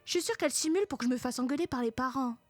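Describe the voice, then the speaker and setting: High-pitched woman telling a comic story. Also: racing, no echo, soft background music. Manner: casual, slangy, sarcastic. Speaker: narrator of a comedic story parody. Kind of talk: first-person comic storytelling, acted.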